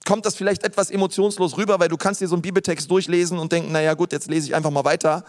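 High-voiced man preaching in a hall. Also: fairly even intonation, racing. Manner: passionate, rises in pitch when voicing heartfelt prayers; colloquial youth-pastor wording. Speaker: pastor. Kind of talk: sermon. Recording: long hall reverb.

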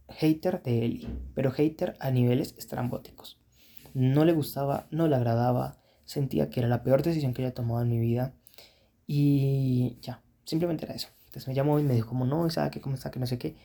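A man recounts his own misadventures in a candid, rambling, self-critical manner. His voice is gravelly and husky, with a dark, mellow tone. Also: mid-range voice. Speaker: storyteller. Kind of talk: casual first-person storytelling.

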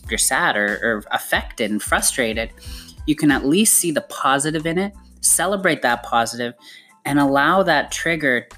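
Deep-voiced woman, earnest self-help talk as a mother, stumbling restarts, faint music underneath. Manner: earnest, repetitive, restarts often. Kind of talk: casual motivational talk.

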